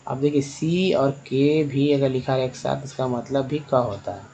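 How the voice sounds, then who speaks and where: A man's voice: medium pitch, fairly even intonation, moderate pace, vocal fry, mellow, a little hiss or hum, rough recording. A man teaching English reading over slides, patiently spelling words letter by letter and asking then answering his own questions. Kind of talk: spoken lesson over slides.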